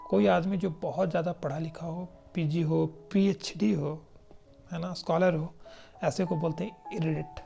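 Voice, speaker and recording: This is a teacher from India, recording an exam-prep vocabulary lesson. The voice is mellow and even, with faint music in the background. The delivery is explanatory and patient, with frequent check-ins and slow, careful readings of definitions. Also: medium pitch, creaky. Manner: explanatory, checks in often with "right?"; slows down to read definitions aloud.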